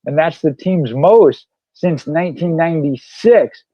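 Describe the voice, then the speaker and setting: A man co-hosting a racing podcast, chatting casually and slowing down to read figures. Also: fairly high pitch, lively intonation, no room sound. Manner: conversational, reads figures slowly. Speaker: podcast co-host. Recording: dry dull lo-fi mic.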